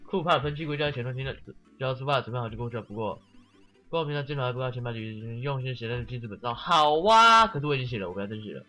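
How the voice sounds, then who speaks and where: Man, let's play commentary, sarcastic, swears a lot, mid-pitched voice, faint game music underneath. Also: expressive, fast talker, pushed and bright, highs cut off. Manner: sarcastic, swears often, reads game text mockingly. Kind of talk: casual gameplay commentary.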